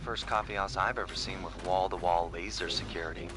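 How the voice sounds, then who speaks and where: Brief: actor as a veteran master thief, low and calm, coaching the player, video game. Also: male voice, brisk, background noise, lightly acted.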